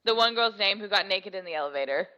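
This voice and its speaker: A young woman co-hosting a casual podcast chat, animated and filler-heavy, swearing freely. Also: medium pitch, fast, highs cut off. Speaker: podcast co-host.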